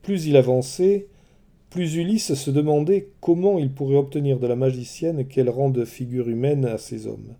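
A man telling a mythology story in scripted, expressive narration. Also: medium pitch, normal speed, gravelly.

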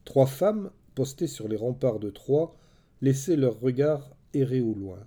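A man narrating a story in a measured, dramatic way. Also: medium pitch, expressive, mellow.

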